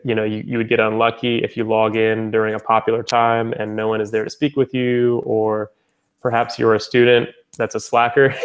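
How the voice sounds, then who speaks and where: A young man presents his language-exchange platform, which he founded, in a casual spoken talk. His medium-pitched voice stays flat and level as he rambles with many fillers and restarts.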